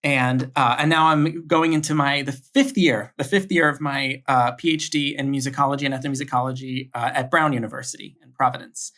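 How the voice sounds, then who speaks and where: Speaking a little fast with few pauses, this young man from Miami has a medium-pitched, steady, bright and forceful voice. As a guest on a podcast interview, he reflects on his background thoughtfully, frequently restarting his sentences and repeating words.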